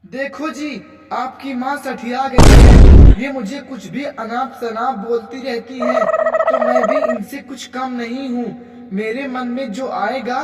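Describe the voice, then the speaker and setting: A performer voicing a sharp-tongued, cheeky young daughter-in-law in a cartoon comedy skit. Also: female voice, on the high side, slow pace, heavy background noise. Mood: defiant. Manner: cheeky, quarrelsome. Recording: echoey, distant, loud music behind.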